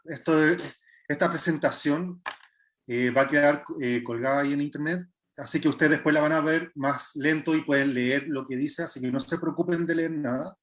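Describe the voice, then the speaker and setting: Hesitant Chilean man presenting an art workshop. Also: fairly high pitch. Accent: Chilean Spanish. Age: 30s. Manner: hesitant, with frequent filler sounds and restarts. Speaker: visual artist leading a workshop.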